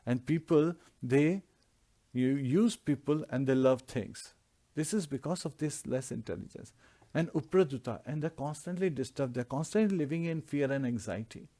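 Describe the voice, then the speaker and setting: A man's voice: a little high, expressive, normal speed, mellow. A man giving a devotional scripture class, explaining Sanskrit verses word by word in earnest preaching tones. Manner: earnest preaching with repeated lists.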